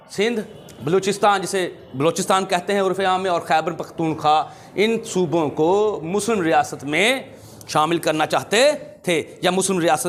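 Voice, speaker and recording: A man with a Pakistani accent teaching a school English lesson, repeating each phrase slowly and reading English lines deliberately. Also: high-pitched, a bit bright, slight background noise. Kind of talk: exam-prep lesson for schoolchildren.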